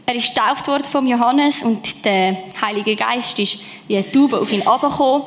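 A woman preaching a sermon, lively and personal, speaking straight to her listeners. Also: on the high side, normal speed, in a large hall.

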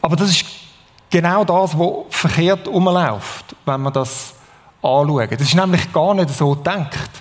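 Swiss preacher with a high voice in a reverberant hall. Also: male voice, measured pace. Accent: Swiss German. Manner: conversational, asks the audience questions. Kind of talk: sermon.

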